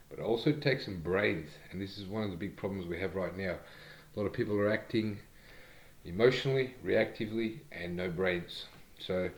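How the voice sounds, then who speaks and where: A man talks straight to the camera in a blunt, argumentative way, asking rhetorical questions. His voice sits low, and the room around him is echoey. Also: darkish tone. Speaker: group leader addressing followers. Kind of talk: direct-to-camera monologue.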